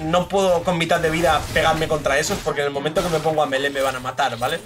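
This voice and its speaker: Excitable young Spaniard ranting over gameplay. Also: male voice, a little high, quick pace, over music. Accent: Spain Spanish. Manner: excitable, swears, frustrated rants at teammates. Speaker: gaming streamer. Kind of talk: live gameplay commentary.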